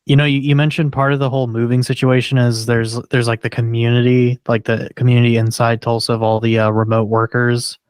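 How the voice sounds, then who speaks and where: Smooth-voiced easygoing podcast co-host. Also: male voice, medium pitch, monotone, fairly quick, hardly any pauses, no room sound. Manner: easygoing, prompting the other host. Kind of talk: casual podcast chat.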